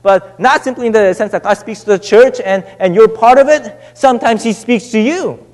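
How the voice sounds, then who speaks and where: High-voiced pastor, echoing hall. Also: male voice, a little mellow. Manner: conversational, halting with many restarts and fillers. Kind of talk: sermon. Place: church sanctuary. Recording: long church hall reverb.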